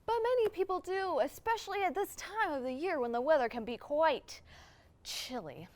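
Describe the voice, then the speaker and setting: A woman's voice: high voice, expressive, normal speed. A young woman playing an eccentric, theatrical co-host of an occult comedy talk show. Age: young adult. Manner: theatrical, odd. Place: TV studio set.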